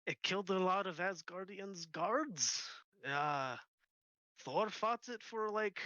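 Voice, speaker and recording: A breathless Viking warrior stumbles through a phone call, played by a man. His voice is bright and sharp, his words halting, ungrammatical and slow. He is still catching his breath between lines. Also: high voice, no room sound, full character voice. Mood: winded. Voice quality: broken, ungrammatical phrasing. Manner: hesitant, full of uhs. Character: winded Viking warrior bandmate, clumsy grammar. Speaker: caller on the phone.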